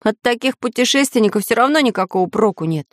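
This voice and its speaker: A woman's voice: fairly high pitch, animated, fast talker, dry recording, studio quality, pitched above the performer's own voice, natural voice. A woman voicing a stern, practical male inventor who captains a flying ship, speaking in a raised, scolding tone.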